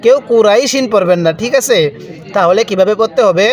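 A man teaching Quranic reading, spelling out words letter by letter, then drawing each out slowly and asking learners to repeat after him. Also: sits high. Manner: slow drawn-out recitation of words, quick explanations.

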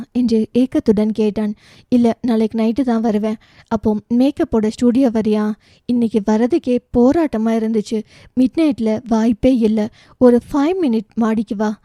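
A woman's voice: a little high, warm tone, dry recording, clean studio sound. A woman narrating a romance novel as an audiobook, voicing each character's dialogue herself. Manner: shifts briefly into voices for each character.

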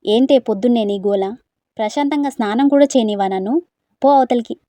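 Irritable young man in a storybook, curt and scolding, read by a woman, mellow tone. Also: fairly high pitch, fairly quick, no echo, lightly acted. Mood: irritated.

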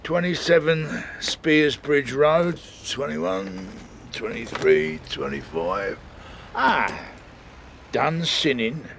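An actor playing a fat, selfish, sarcastic older police chief inspector in a radio comedy drama. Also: male voice, mid-range voice, very animated, very slow, noisy background, full character voice. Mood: grumbling. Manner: gruff, sarcastic, grumbling.

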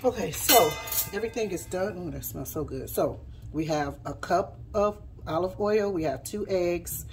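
A woman's voice: lowish voice, animated, moderate pace, darkish tone, soft background music. A woman hosting a home cooking demonstration in her kitchen, chatting casually and stopping now and then to tidy up and explain as she works. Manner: chatty, stops to tidy and explain mid-task. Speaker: home cooking channel host. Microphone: camera on the counter, speaker mostly off frame.

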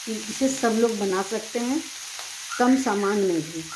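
In her kitchen, a woman with a medium-pitched voice narrates a home cooking demonstration, walking through each step plainly and unhurriedly. There's noise in the background.

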